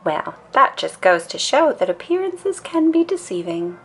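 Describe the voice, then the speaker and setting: A woman's voice: high voice, sing-song, unhurried, breathy edge, pitched above the performer's own voice, full character voice. A woman voicing a sensible, reassuring mama bear from a storybook, patient and firm as she explains.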